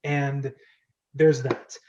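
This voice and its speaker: Hosting a script-reading club over a video call, a man keeps the casual group chat going in a chatty, rambling, enthusiastic way. His warm, medium-pitched voice is level in tone and he draws out his words. The call audio is dull and lo-fi, with a little hiss or hum.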